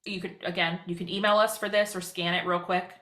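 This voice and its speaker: A woman talking very fast as she presents an informal social media webinar, chatty and given to self-deprecating asides. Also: on the low side, level tone, bright, forceful tone. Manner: very fast, rapid-fire talking. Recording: roomy, echoing sound.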